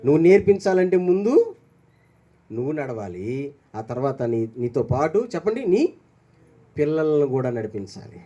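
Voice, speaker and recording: In a lo-fi recording, an older pastor preaches a sermon, quizzing his congregation while swinging between raised calls and quiet low asides.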